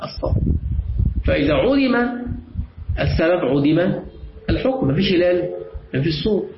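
A high-voiced man with an Egyptian accent teaches a class, laying out each point step by step, repeating key phrases and testing the students as he goes. The recording is dull and lo-fi, with clear noise in an echoey room. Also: sing-song, moderate pace. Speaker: teacher of Islamic jurisprudence. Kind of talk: classroom lesson with questions to students.

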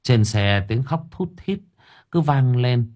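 A man narrating an audiobook story in a lively, colorful storytelling manner. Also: mid-range voice, slow.

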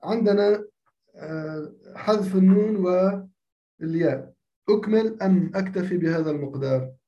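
A man teaching a grammar lesson to a class, repeating key phrases slowly and asking for questions. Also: sits high, mellow, highs cut off.

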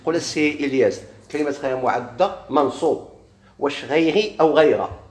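A man with a Moroccan Arabic accent teaches a grammar lesson in class, repeatedly quizzing students and slowly stretching out each example word. His voice is fairly high with a darkish tone, and the sound is reverberant.

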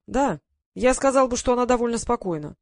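A woman voicing a calm, curious middle-aged man with a dry, grumbling manner. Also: on the high side, a little fast, no room sound.

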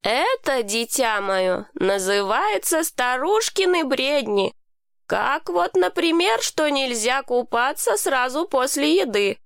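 Woman doing a calm grown woman, wry, reassuring, crisp dry sound. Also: high voice, slow pace, no room sound, voice pushed up, full character voice. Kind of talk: audiobook character voice.

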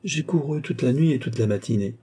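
A man voicing a lazy, phlegmatic brother who answers in short, flat replies, in an audiobook reading. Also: medium pitch, a little fast, breathy edge, voice pushed up, lightly acted.

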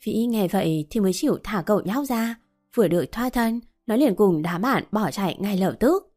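Woman narrating a story over soft music. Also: mid-range voice, expressive, normal speed. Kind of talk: first-person audiobook narration. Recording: faint background music.

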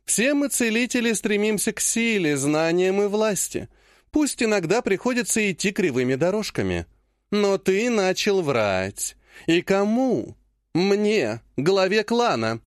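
A man voicing a powerful woman clan head who speaks in a slow, honeyed yet threatening way. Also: high-pitched, big pitch swings, no echo, clean studio sound, pitched above the performer's own voice. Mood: honeyed menace. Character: sweetly menacing older woman clan head.

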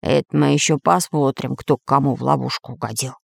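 Woman doing a hoarse boastful pirate. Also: a bass voice, steady tone, a little fast, no room sound, studio quality, voice pushed down, full character voice. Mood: threatening.

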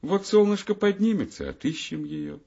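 A man's voice: high voice, moderate pace, gravelly, warm tone, voice pushed up. A man doing a cheerful, playful young May. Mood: jolly. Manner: jolly, breezy. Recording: dull lo-fi audiobook recording.

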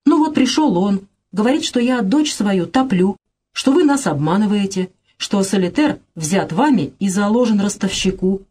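Woman reading a flustered old father, hesitant and husky. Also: mid-range voice, expressive, moderate pace, mellow.

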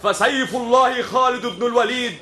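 A defiant devout believer, high bright voice, emphatic, echoey historical drama. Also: male voice, fairly quick, soft background music. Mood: confident. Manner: emphatic, declamatory. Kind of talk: classical Arabic historical drama acting. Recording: echoey, reverberant drama recording.

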